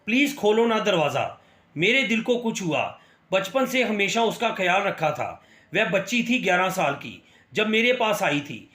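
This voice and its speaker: High-voiced man telling a story. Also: very animated, a little slow, sharp tone, roomy sound. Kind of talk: first-person story narration.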